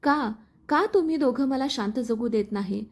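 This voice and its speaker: A woman's voice: on the high side, normal speed. A woman voicing a heartbroken young woman who pleads through tears in a storybook tale. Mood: tearful. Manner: pleading, tearful.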